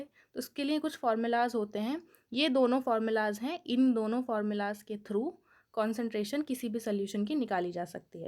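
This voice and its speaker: A woman's voice: fairly high pitch, darkish tone. A woman teacher, giving a classroom lecture, mixing Hindi with English and asking questions that she answers herself. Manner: mixes Hindi with English and reads definitions slowly and deliberately. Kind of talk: classroom lecture explaining chemistry.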